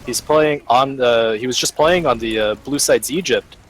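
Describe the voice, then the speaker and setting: A man giving analytical play-by-play commentary on a live esports match, pausing often on "uh". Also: mid-range voice, fairly bright tone, low-quality recording. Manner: analytical, hesitant, many fillers. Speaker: esports caster.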